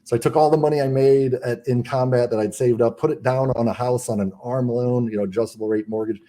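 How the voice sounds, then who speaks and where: Man, podcast guest, rapid earnest storytelling, dark mellow voice, stumbles and restarts. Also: medium pitch, steady tone. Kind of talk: casual storytelling.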